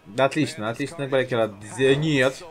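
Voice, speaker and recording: A man's voice: mid-range voice, moderate pace, faint music behind. A man commentating his own gameplay like a casual wrestling commentator, teasing and goading the wrestlers as he goes.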